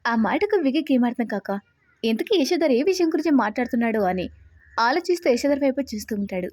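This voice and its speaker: A woman tells a dramatic serial story at an even pace. Her voice is soft and mellow and sits slightly high. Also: quick pace.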